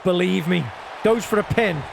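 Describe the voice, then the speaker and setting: Male wrestling commentator, very high voice, excitable play-by-play, noisy recording. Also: moderate pace, vocal fry, crowd noise. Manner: excitable, shouting at big moves. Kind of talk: wrestling commentator play-by-play of a video game match.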